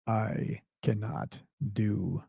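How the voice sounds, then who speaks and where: Drawing out his words in a flat delivery, the host sounds creaky, mellow and husky, though his voice is not deep. He's running a casual late-night stream, reading and answering viewer questions with blunt, foul-mouthed crudeness, all in clean studio sound with no echo.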